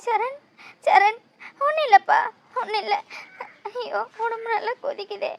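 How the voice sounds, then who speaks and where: A woman's voice: extremely high pitch, unhurried, creaky, a little hiss or hum, heavily acted. A woman voicing a young cartoon mother caring for her two sick small children, coaxing tenderly and pleading in tears. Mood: panicked. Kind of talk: cartoon voice acting.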